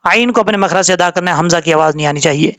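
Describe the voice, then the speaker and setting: A man teaches tajweed in a patient, methodical way, spelling out letters and vowel marks one by one. His voice sits fairly high for a man. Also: fairly bright tone. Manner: patient, explains rules step by step, then recites slowly drawn out. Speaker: Quran recitation teacher.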